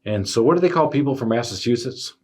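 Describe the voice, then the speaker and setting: A man telling his own workplace stories as a podcast host, animated and full of fillers. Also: mid-range voice, quick pace. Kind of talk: casual storytelling chat.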